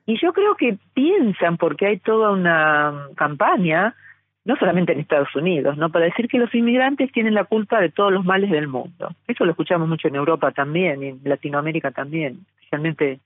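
A woman's voice: fairly low pitch, lively intonation, brisk, no room sound, phone-quality sound. Argentine lady on the phone, middle-aged, makes her case hard, thin dry line. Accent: Argentine Spanish. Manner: fluent, argumentative, explanatory. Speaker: guest, journalist and psychologist. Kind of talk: phone interview. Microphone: telephone.

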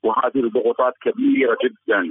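A man with an Iraqi Arabic accent, a political analyst calling in by phone to a radio interview, laying out his arguments rapidly. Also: medium pitch, fairly even intonation, dry recording. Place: Baghdad by phone. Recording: tinny phone line, husky.

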